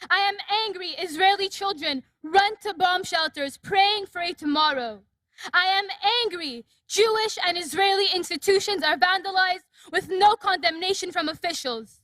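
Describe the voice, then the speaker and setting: Young woman speaking at a rally, very high bright voice, impassioned. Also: moderate pace, no echo. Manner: impassioned, declarative. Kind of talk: rally speech. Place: outdoor rally.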